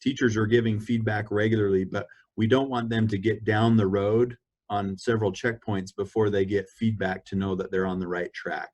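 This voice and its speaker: A man's voice: fairly low pitch, moderate pace. A man presenting to parents in an online meeting. He steadily explains the school's learning approach over a video call. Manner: steady, explanatory, walks through slides.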